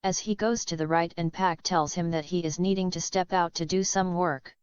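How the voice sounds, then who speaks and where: A woman reading a fan-made cartoon story aloud in a plain, halting way. Her voice is lowish, smooth and clear, and the recording is close and dry but dull and lo-fi. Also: fairly even intonation, no room sound. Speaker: narrator.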